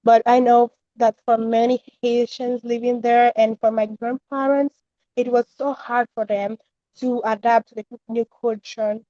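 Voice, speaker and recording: A teenage student from the Dominican Republic gives an earnest class discussion answer about her own experience, speaking steadily at a measured pace with a flat delivery. Her voice is slightly high yet warm and mellow. The audio is a muffled, dull, lo-fi online call with no room sound.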